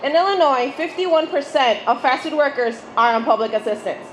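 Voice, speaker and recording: High-voiced woman, echoey noisy rally speech. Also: animated, a little fast. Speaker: striking fast-food worker.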